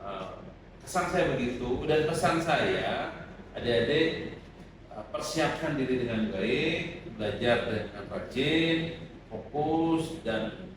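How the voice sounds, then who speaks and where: A middle-aged man, a guest lecturer, giving calm advice to students in a podcast interview, with many hesitant fillers. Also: medium pitch, slow pace, long pauses. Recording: echoey room, far from the mic, noisy.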